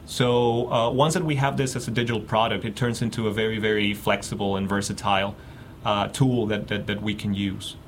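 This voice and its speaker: A man from Mexico, a guest researcher in a radio interview, talking haltingly with many fillers and restarts. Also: on the low side, little pitch movement, slight background noise.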